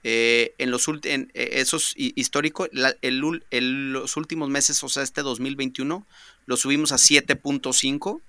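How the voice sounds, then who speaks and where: A man's voice: medium pitch, steady tone, moderate pace, sharp tone, clear, resonant tone, no room sound. A man with a Mexican accent hosting a casual business interview, talking with frequent fillers and restarts. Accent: Mexican Spanish. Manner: talkative, many fillers and restarts. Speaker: podcast host.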